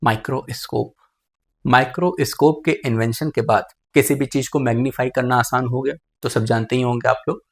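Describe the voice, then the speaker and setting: A man's voice: mid-range voice, steady tone, fairly quick. A man teaching biology in a lecture, often calling students "beta" and asking questions, then answering them himself. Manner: addresses students as "beta", asks and answers his own questions. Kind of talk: classroom lecture.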